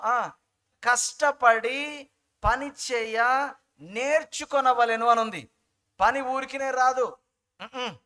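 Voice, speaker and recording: A man's voice: high-pitched, sharp tone. A man preaching a sermon as pastor, asking the congregation questions, prompting them to answer, and mixing English words into his talk. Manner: mimics other people's remarks in quoted asides.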